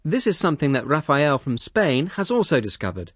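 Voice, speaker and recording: A man's voice: on the high side, very animated, a little fast, a bit bright, no echo. Man presenting a radio lesson. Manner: conversational, asks questions.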